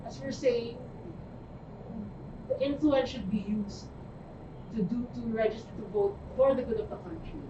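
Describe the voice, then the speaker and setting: Filipino woman, casual, somewhat high. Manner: quick back-channel replies, mixes English with Tagalog. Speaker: podcast co-host. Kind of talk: casual podcast chat. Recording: echoey, distant, dull lo-fi audio with noise.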